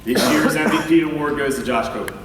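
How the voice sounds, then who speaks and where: An American man, a coach, giving a prepared awards speech in an earnest, measured way to an audience. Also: a little high. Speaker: high school track coach. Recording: echoey hall, far from the mic, faint noise.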